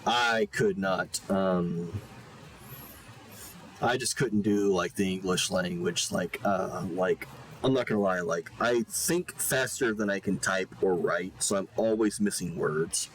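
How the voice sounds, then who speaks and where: A young man streaming a game, chatting casually and rambling with lots of fillers and quick laughs. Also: sits low, a little hiss or hum, low-quality recording. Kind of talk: casual live-stream chat while playing.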